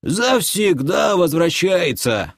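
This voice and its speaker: Male reader doing an eccentric old creature grandpa, high and slow, lively, easygoing audiobook voice. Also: no echo, clean studio sound, exaggerated voice. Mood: carefree. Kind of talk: audiobook character voice.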